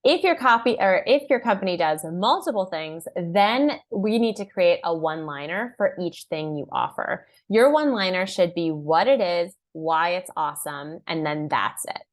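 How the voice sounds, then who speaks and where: A young woman giving an online marketing class in an upbeat, conversational way, full of "like" and quick acted-out asides. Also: on the low side, lively intonation. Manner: upbeat and conversational, heavy use of "like"; acts out clients' and buyers' lines in a raised voice. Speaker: marketing workshop presenter.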